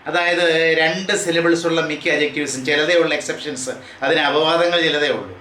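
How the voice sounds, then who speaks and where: Bright-voiced male grammar teacher, echoey room. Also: on the high side, slight background noise. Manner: reads English rules out slowly, then explains them at a quicker pace; lists word forms one by one in a drilling rhythm. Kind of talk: classroom lecture for exam students.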